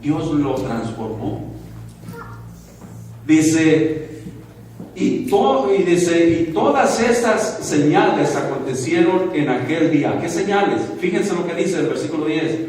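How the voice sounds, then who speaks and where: Echoey, high-voiced preacher from far off. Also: male voice, animated, takes it slowly, darkish tone, a little hiss or hum. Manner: informal, self-correcting, asks the congregation questions. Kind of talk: sermon.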